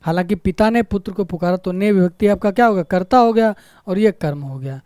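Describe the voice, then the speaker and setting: Clear, dry-voiced grammar teacher. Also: mid-range voice, a little fast, a little mellow, no echo. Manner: repeats examples, asks rhetorical questions, frequent tag "है ना". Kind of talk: explanatory lesson.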